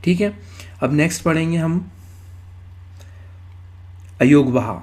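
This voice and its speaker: A man with a fairly high voice teaches grammar in a recorded exam-prep lecture. He moves step by step, says each key term more than once, and poses questions that he then answers himself. He talks close to the microphone. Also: slow pace, darkish tone. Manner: explains step by step, repeats terms, asks and answers his own questions.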